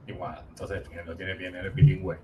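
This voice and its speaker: A man's voice: low-pitched, level tone, normal speed, mellow, a little hiss or hum. A man from Catalonia with a light Catalan accent, hosting a chat and joking and laughing often. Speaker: host. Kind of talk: casual conversation.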